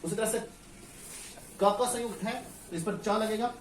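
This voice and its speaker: A man's voice: high-pitched, measured pace, slight background noise. Male teacher, classroom grammar lesson, asks questions and answers them, echoey room. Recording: echoey room, far from the mic, faint ambience.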